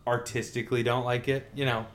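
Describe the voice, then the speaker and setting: A man's voice: medium pitch, brisk. A man co-hosting a casual film review podcast, talking animatedly and swearing now and then. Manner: animated, swears, acts out quotes. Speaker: podcast co-host.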